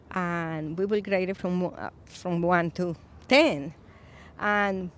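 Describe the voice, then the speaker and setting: A Colombian-born woman in her fifties, an Episcopal priest, speaking thoughtfully in a recorded interview, with frequent pauses and fillers. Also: medium pitch. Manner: reflective, soft-spoken with frequent pauses and fillers.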